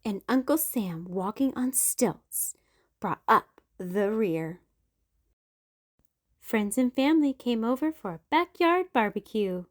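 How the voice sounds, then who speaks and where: A woman leads a storytime, slowly reading a rhyming picture book aloud to children in an expressive, sing-song voice with big leaps in pitch.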